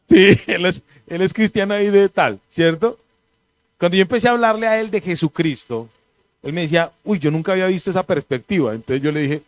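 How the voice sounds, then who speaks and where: A pastor preaches in a loose, conversational way. His voice sits high for a man, and he tells animated stories with a joking edge. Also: no echo. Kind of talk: conversational sermon.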